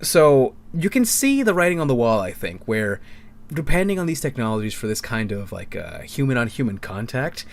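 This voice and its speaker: A man's voice: mid-range voice, sing-song, moderate pace, slight background noise. A young man co-hosting a casual podcast, talking animatedly with frequent laughs and stumbling restarts. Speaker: podcast co-host.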